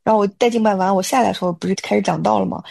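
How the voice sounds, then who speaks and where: A woman who leads worship at her church, telling a lively personal faith story in casual conversation and acting out family dialogue. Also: mid-range voice, rapid-fire, gravelly.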